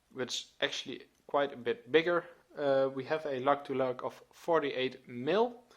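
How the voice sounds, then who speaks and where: Young guy in his 20s doing a watch review, talks slow, lots of uh and um, mid pitch. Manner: relaxed, hesitant with many fillers. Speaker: watch reviewer, channel host. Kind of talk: casual video review.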